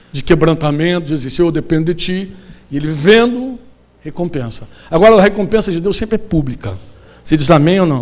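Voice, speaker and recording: A Brazilian pastor preaching a sermon to a gathering of church leaders, lively and colloquial, tossing questions to the audience. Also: male voice, on the high side. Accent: Brazilian Portuguese. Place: conference hall.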